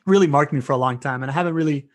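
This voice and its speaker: A man in his forties from Venezuela, chatting casually, loose and animated, swearing and laughing often. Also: fairly high pitch, racing. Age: 40s. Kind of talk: casual chat.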